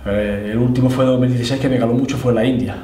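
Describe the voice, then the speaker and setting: A man's voice: mid-range voice, steady tone, racing, warm tone. Echoey middle-aged Andalusian man chatting. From Spain, Andalusia. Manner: conversational, often adds tag questions. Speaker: interviewee, Holy Week proclamation orator. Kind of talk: casual interview, storytelling. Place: indoors, room with display cabinets. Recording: echoey, slightly distant, faint noise.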